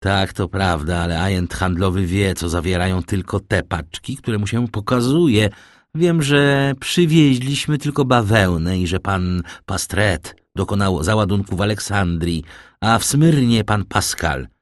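A man reading the part of a sly, scheming male ship's agent in an audiobook, smooth and calculating, in a dry, close recording. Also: deep voice, a little slow, dry recording. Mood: explaining.

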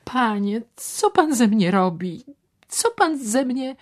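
Woman reading as young anxious girl, pleading, fearful, slow delivery, audiobook character. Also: a little high, sing-song, pitched above the performer's own voice. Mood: alarmed. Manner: pleading, fearful, often whispered. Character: young, poor, anxious female cashier.

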